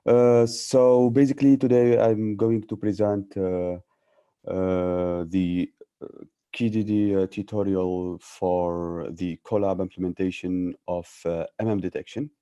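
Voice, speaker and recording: Guy doing a tech tutorial over video call, low mellow voice, lots of ums. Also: steady tone, a little slow, smooth. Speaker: tutorial presenter, data scientist. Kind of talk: technical presentation with screen sharing.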